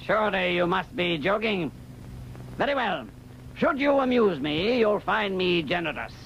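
A man voicing a cruel, menacing Caliph who gloats slowly over his captive. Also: sits high, animated, vocal fry, a bit bright, highs cut off, slight background noise, exaggerated voice. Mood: gloating. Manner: slow, gloating, sinister. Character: cruel, menacing male Caliph ruler who laughs at threats.

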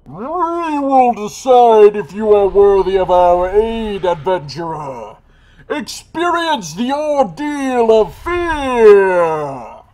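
A man voicing a menacing, scornful ghost of the dead in a fantasy game, with an unearthly voice and slow, drawn-out proclamations. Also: high-pitched, big pitch swings, a little mellow, voice pushed up, exaggerated voice, rough recording. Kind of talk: dramatic reading of a fantasy game.

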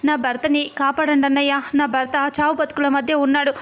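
A woman's voice: sits high, level tone, a little fast, a bit bright. Woman reading as a grieving, furious mother. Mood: pleading.

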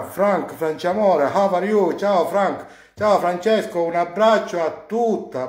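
A man from Sicily speaks in a fairly high voice, calling out viewers' names and sending them warm, effusive greetings. He stretches the names out in a casual live-stream manner. His voice rings around an echoey home kitchen. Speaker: cooking channel host greeting viewers.

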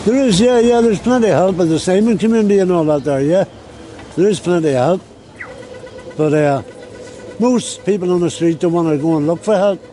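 The speaker is a Northern Irish man from Belfast, seated on a busy street for an interview, where he talks plainly and tends to repeat himself. The poor audio has a little hiss or hum, and his high, mellow voice moves briskly.

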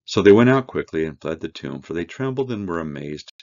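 A man teaching a verse-by-verse Bible study, reading scripture aloud and explaining it with slow, earnest emphasis. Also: low voice, expressive, darkish tone, lo-fi sound.

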